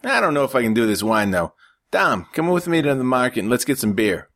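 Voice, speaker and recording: A man's voice: mid-range voice, very animated, fairly bright tone, no room sound, clean studio sound, voice pushed up. A man voicing a crude, pushy young mobster in his twenties. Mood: brash. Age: 20s. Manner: crude, pushy, fast-talking. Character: brash foul-mouthed young mobster brother.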